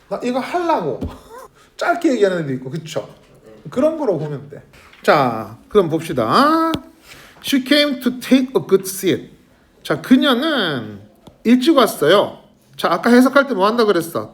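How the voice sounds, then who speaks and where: A man teaching an English grammar lesson to a middle school class, constantly quizzing his students and calling on them by name. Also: high-pitched. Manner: lively, questioning students constantly. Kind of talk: classroom lecture.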